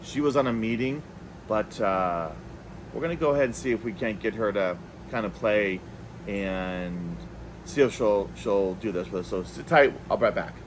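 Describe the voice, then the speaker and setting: A man with a lowish voice hosts a casual, unscripted product review video, speaking at a moderate pace over some background noise. He talks conversationally and thinks aloud as he goes.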